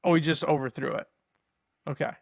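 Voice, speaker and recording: A man co-hosting a sports podcast in casual chat, sarcastic and quick to react to the game he watches. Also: on the high side, steady tone, no room sound, studio quality. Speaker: podcast co-host.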